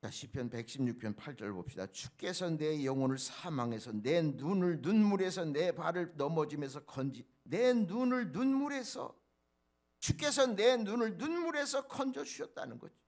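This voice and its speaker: A male pastor preaching a dawn prayer sermon, swinging from soft low asides to loud emphatic peaks and speaking straight to the congregation. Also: expressive, moderate pace, hardly any pauses. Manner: preacherly, addresses congregation directly.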